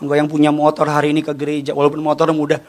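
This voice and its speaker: A man preaches in a high voice, telling stories with animated energy that often rises to shouts. His sermon rings with the long reverb of a church hall. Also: very fast. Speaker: pastor.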